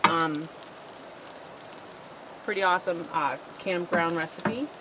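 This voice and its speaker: A woman's voice: fairly low pitch, slow pace. Chatty woman co-hosting a camping vlog. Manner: friendly, chatty. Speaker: vlog co-host. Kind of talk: casual vlog chat. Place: outdoor campsite. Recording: noisy outdoor camera audio.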